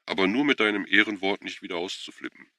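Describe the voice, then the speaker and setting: A man's voice: sits low, fast talker, pushed and bright, no echo, voice pushed up. A man reading an audiobook voices a tired, irritated woman who is a nurse, curt and weary, pleading when pressed.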